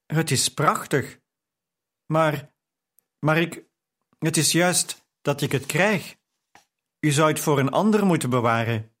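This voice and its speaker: Male reader voicing a shy young noble wife, flustered and formal, slow and a little raised in pitch, audiobook scene. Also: a bit bright. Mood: hesitant. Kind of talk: audiobook reading.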